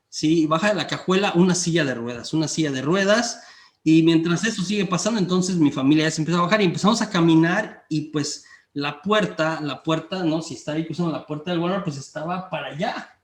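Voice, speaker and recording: A man delivers a faith-based teaching talk, weaving in a personal anecdote. His voice sits slightly higher than most men's, and he speaks conversationally, often restarting phrases and closing them with a tag question. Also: a little fast, a bit bright. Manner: repeats and restarts phrases while recalling.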